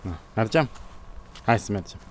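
Gently coaxing man outdoors. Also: lowish voice, lively intonation, slight background noise. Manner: gently coaxing, calls softly to a shy dog. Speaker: father filming a walk with his small child. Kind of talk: casual vlog talk.

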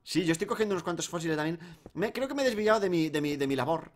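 A man's voice: a little high, animated, very fast. A man from Spain with an Aragonese accent, hosting a casual gaming chat, joking and swearing. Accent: Aragonese Spanish. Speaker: host.

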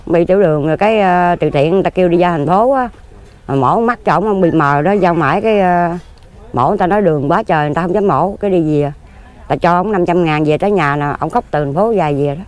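A fast-talking woman in her fifties with a Southern Vietnamese accent, her voice on the low side and a little mellow, is interviewed casually outdoors among graves. A lottery ticket seller, she speaks plainly and earnestly at length, rambling.

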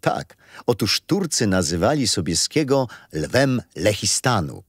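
In a children's radio play, a kindly old grandfather patiently explains things through gentle, amused storytelling, his lowish, slightly breathy voice moving at a measured pace with lively intonation. It's a full character voice, recorded close and dry with no room sound.

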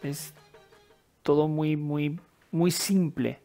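A man with a Castilian Spanish accent, a video game player and commentator, thinks aloud in casual, informal gameplay commentary while game music plays. His voice is a little high and dark-toned, steady, and extremely slow.

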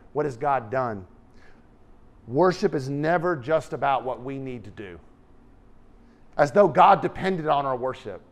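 A middle-aged male pastor delivers a sermon in a church hall, speaking into a headset mic. His voice sits a bit high for a man, and he is animated, jumping from loud, emphatic lines to soft, hushed asides.

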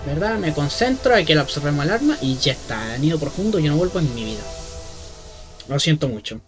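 A man's voice: on the high side, lively intonation, fairly quick, music in the background. A man doing casual let's-play commentary like a scared horror game streamer, jumpy and swearing freely. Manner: foul-mouthed. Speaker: gaming streamer.

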